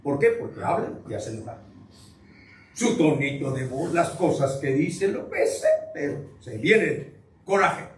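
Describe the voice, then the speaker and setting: High-voiced preacher in an echoey church. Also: male voice, big pitch swings, a little slow. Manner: joking, questions the congregation directly. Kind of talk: sermon. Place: church sanctuary. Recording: echoey room, distant mic, faint noise.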